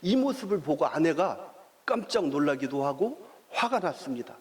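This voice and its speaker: Lively, higher-pitched male preacher. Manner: storytelling with long pauses and drawn-out fillers, asks the congregation questions. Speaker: pastor. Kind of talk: sermon.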